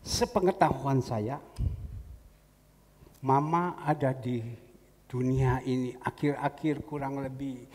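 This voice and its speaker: In an echoey church hall with a little background noise, a middle-aged man preaches slowly and steadily, pausing often. His voice sits in the mid range with a darkish tone. He shares a story as a sermon, chatting naturally and imitating the people he quotes.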